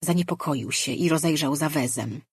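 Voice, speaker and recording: An audiobook narrator reading a fantasy novel in a measured, even storytelling manner, with a husky voice. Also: mid-range voice, dry recording, studio quality.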